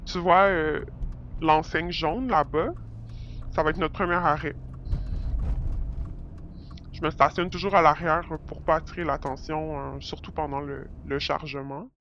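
Voice-changed woman smuggler, played by a performer, hesitant and full of fillers, mid-pitched, dull lo-fi sound. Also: fairly even intonation, measured pace, long pauses, a bit bright, a little hiss or hum. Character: secretive woman digital nomad van driver. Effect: voice changer disguising the voice.

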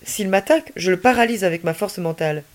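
A woman's voice: fairly low pitch, fast, close to an everyday voice. A woman voicing Ami, a cheerful alien boy. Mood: carefree. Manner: playful, unruffled, laughing easily. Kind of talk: children's story reading.

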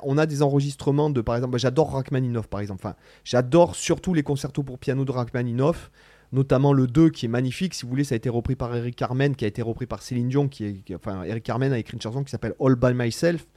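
A man's voice: medium pitch, quick pace, dry recording. Emphatic rambling guitar vlogger, man. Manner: animated, rambling, emphatic, slangy, many restarts. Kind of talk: casual spoken vlog to camera.

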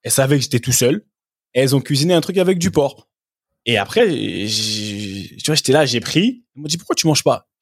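A man's voice: mid-range voice, animated, brisk, husky, no room sound, studio quality. A man who is a former professional footballer, a guest telling anecdotes in a casual podcast chat and often adding "tu vois".

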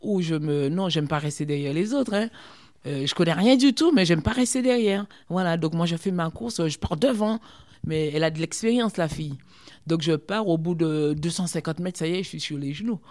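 A middle-aged woman from Guadeloupe, a former sprinter telling her story in an interview, chatty and lively with lots of fillers. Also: fairly low pitch, fairly quick. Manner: lively, chatty, full of fillers like hein and quoi.

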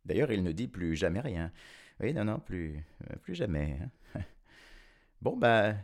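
A man telling a children's storybook tale with a playful, lively manner. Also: on the low side, a little slow. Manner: lively, playful, laughing asides. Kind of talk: storybook reading.

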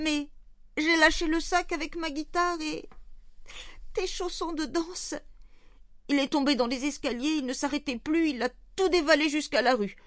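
A tearful young child pours out a frightened apology in a very high, pleading voice, played by a woman reading aloud. The delivery is upset and quick. The sound is close and dry. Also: dry recording.

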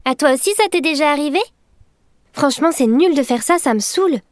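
Chatty high-voiced schoolgirl. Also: a little fast, no room sound, clean studio sound. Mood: indignant. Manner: lively, talks straight to the listener. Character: chatty 12-year-old schoolgirl narrator. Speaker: podcast host in a story. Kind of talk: scripted audio drama narration.

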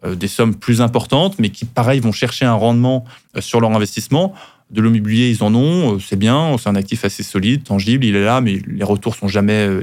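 A man's voice: lowish voice, darkish tone. A man who is a lawyer, guest on a podcast, explaining things at length with frequent restarts.

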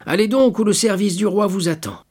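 A man's voice: high-pitched, a little fast, a little mellow, husky, pitched above the performer's own voice. A man voicing an older royalist nobleman who speaks in an earnest, insistent way.

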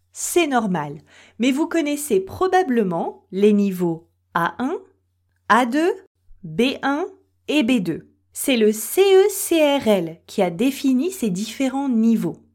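Slow, lively French teacher woman. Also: on the high side. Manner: addresses listeners directly with questions and examples. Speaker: French teacher and podcast host. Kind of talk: slow, clear podcast lesson for French learners.

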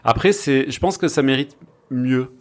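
A man's voice: mid-range voice, normal speed. A man giving an easygoing song review on a radio panel. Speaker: radio columnist.

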